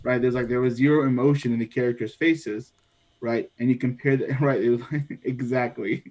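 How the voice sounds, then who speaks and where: A man chatting about movies in a relaxed, loose manner, his sentences drifting and trailing off. His voice sits in an ordinary middle range. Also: medium pitch, fairly quick, dull audio. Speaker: podcast panelist. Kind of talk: casual film discussion.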